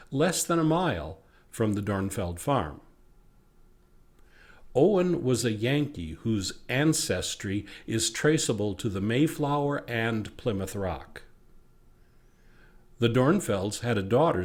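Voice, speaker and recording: A man with an American accent reading scripted local history narration. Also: fairly low pitch.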